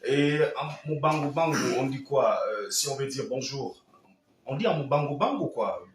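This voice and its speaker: A man's voice: medium pitch, expressive, normal speed, roomy sound, slight background noise. A man hosting a studio interview, probing his guest and repeating answers back. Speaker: show host.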